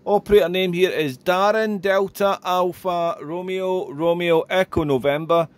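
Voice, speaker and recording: A man's voice: high voice, fairly even intonation, moderate pace. A man chatting as an amateur radio operator, making contacts with callsigns and phonetic spelling. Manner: chatty, repeats "there" and phrases.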